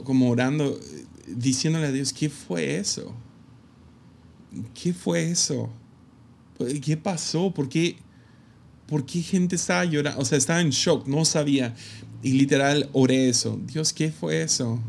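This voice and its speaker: A man who is a pastor, telling a personal story to camera in a reflective, halting way with many fillers. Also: mid-range voice, gravelly, a little mellow, slight background noise. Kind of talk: casual personal testimony to camera.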